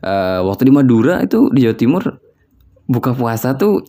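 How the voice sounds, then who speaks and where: A man's voice: mid-range voice, sing-song, moderate pace, warm tone. A young man from West Java in a casual solo chat, rambling and musing aloud with lots of filler words. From West Java, Indonesia.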